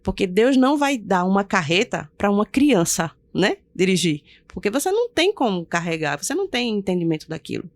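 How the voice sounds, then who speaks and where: Middle-aged woman pastor telling her story, really animated, does the voices of people, dry close sound. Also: medium pitch, fairly quick, few pauses, no room sound. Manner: animated storyteller who acts out quoted voices and laughs often. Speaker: pastor, podcast guest. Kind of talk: personal testimony in a casual interview.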